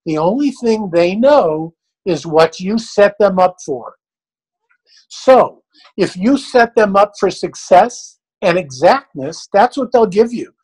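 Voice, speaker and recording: A man's voice: sits high, expressive, takes it slowly, a little mellow, breathy edge, poor audio. An older man, a dog trainer, answering questions in a blunt, folksy, plain-spoken way.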